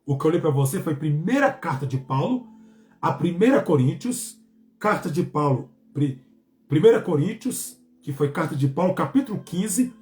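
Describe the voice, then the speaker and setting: A Brazilian man, a pastor giving a Bible study, who reads verses aloud and speaks every comma and period, with halting restarts. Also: fairly high pitch, a little mellow, echoey room. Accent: Brazilian Portuguese. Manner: halting, with restarts and drawn-out words.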